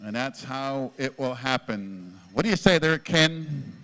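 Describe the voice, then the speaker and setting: A man making informal live announcements at a powwow in a halting, plain-spoken way. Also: medium pitch, expressive, sharp tone. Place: powwow at a casino event, over a PA.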